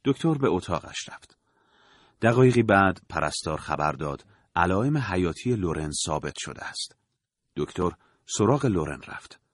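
A man narrating an audiobook in a measured, dramatic storytelling manner. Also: low voice, sing-song, dry recording, clean studio sound.

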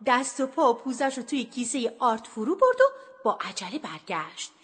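A woman telling a children's story with lively, expressive narration. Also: on the high side, husky. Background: music.

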